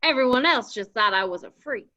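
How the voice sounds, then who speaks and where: A woman's voice: on the high side, expressive, brisk, pushed and bright. A woman doing a folksy cowboy-drawl young man. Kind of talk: live script reading. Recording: dull lo-fi audio.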